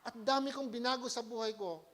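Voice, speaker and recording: A male pastor preaching a lively sermon in church, often checking his listeners with a rhetorical "Hello?" and swinging between loud exhortation and quiet asides. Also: extremely high pitch, a little fast. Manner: animated, keeps asking the congregation "Hello?".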